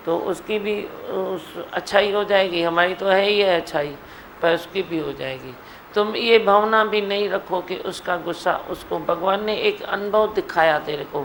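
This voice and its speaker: A middle-aged woman leads a devotional gathering in a community hall, speaking in a gentle, homely teaching manner. Her voice has a gravelly, creaky texture. A faint hiss sits under the recording. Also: lowish voice. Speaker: spiritual teacher leading a satsang.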